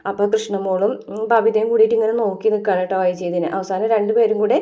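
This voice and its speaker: Fast-talking woman recapping episodes. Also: mid-range voice, fairly even intonation, mellow. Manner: chatty, tags sentences with little asides. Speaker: serial reviewer. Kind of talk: casual episode recap narration.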